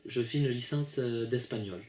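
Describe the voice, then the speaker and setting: A man's voice: mid-range voice, moderate pace, darkish tone, roomy sound. An eighteen-year-old man from southwest France, a university student, introducing himself hesitantly.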